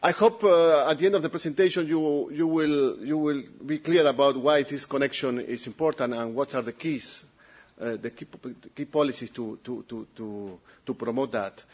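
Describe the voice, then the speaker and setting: A man's voice: medium pitch, moderate pace, darkish tone, breathy edge. A man with an Italian accent presenting a report to an audience, often repeating words and restarting.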